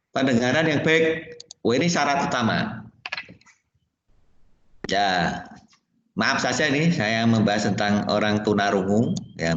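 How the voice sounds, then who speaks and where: A man's voice: mid-range voice, slight background noise. Indonesian male music teacher in an echoey classroom. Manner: explains plainly, sings solfège notes, asks class questions. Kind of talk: classroom lesson. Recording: dull echoey classroom recording.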